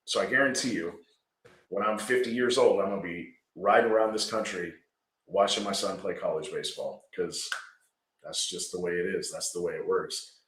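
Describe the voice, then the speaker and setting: Speaking at a normal speed, a low-pitched man in his 40s from Georgia chats casually as a guest on a podcast about running his landscaping company. His fairly bright tone comes through poor, reverberant audio with slight background noise, and he rambles earnestly, often adding "right?"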